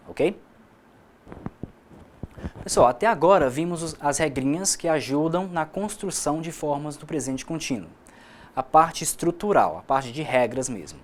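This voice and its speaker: A man with a Brazilian accent teaching English in a recorded distance-learning video lesson, explaining patiently and methodically, spelling out letters and repeating key terms. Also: on the high side.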